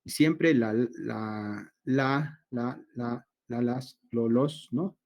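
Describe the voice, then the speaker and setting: A Latin American man teaching an online class, explaining slowly and voicing his students' questions himself. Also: mid-range voice, darkish tone.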